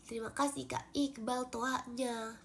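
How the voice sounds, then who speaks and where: This young Indonesian woman is an idol livestreamer, chatting animatedly on her phone and thanking viewers for gifts while stuffy from a cold. Her high voice moves at a measured pace with vocal fry, and she uses frequent fillers. Slight background noise can be heard.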